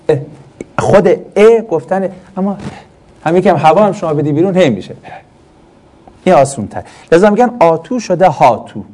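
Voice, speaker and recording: A man teaching a classroom lesson, animated and quizzing his class, then answering his own questions. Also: on the high side. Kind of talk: classroom lesson on Quranic Arabic grammar.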